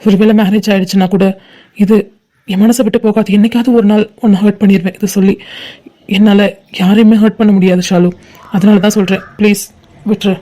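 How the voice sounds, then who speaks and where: A woman's voice: medium pitch, fairly even intonation, a little fast, dark tone, lightly acted. A woman voicing a heartbroken young man in a fan-made cartoon, pleading and repeating please as he turns away his love. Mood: pained.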